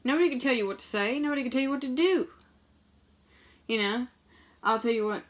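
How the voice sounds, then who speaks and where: A young adult woman vlogs to her viewers, rambling casually through loose, profane stories full of fillers. Her voice is on the high side and a little fast.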